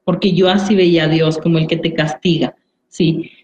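A woman's voice: deep voice, flat delivery, normal speed, darkish tone, slight background noise. A woman giving an earnest personal church testimony, repeating phrases and often asking "¿verdad?". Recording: roomy, dull recording.

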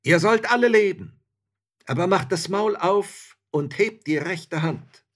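A brash, ravenous fairy-tale soldier, as a man puts him on, loud and cocky, pitched well above a husky speaking voice. He swings his lines up and down with great liveliness and never sounds afraid. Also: lively intonation, normal speed. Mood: boisterous. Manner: boisterous and swaggering. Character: bold hungry cheeky male soldier.

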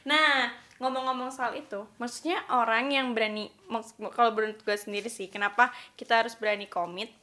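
A woman's voice: on the high side, steady tone, brisk, pushed and bright. A woman in her twenties co-hosting a casual chat, talking loosely and dropping English phrases into her speech. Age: 20s. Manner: chatty, mixes English phrases into her talk. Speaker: podcast co-host.

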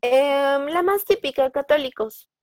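A woman's voice: high voice, a little slow, no echo. Woman, young adult, Mexican Spanish accent, chatty storytelling, fillers and tag questions, dry close sound. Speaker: guest telling personal stories. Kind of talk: casual storytelling.

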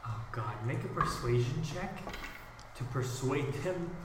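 A man running a tabletop game as game master, describing scenes in a calm, measured way. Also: mid-range voice. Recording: echoey room with faint noise.

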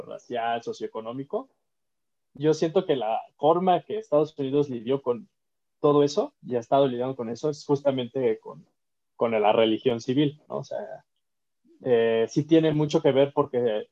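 A man talks through political ideas on a casual podcast, pausing often with fillers as he thinks. His voice is dark and mellow. The audio sounds a little dull and lo-fi. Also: mid-range voice. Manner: thoughtful, hesitant, many fillers. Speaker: podcast co-host.

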